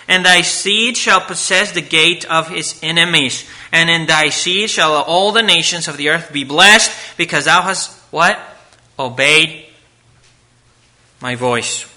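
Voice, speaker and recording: A male preacher speaking into a pulpit microphone, his voice sharp and bright with a slightly raised pitch. He takes his time, earnestly reading scripture and moving between forceful emphasis and quiet asides. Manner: earnest, reads scripture aloud, swings between loud emphasis and hushed asides. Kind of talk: sermon to a live congregation.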